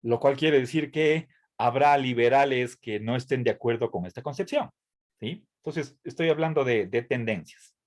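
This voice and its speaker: A man's voice: medium pitch, normal speed. A man giving a tutoring lecture, explaining carefully with fillers, restarts and a frequent "¿sí?" to check his students follow. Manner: hesitant, with many fillers and restarts, asks "¿sí?" often. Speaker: university lecturer.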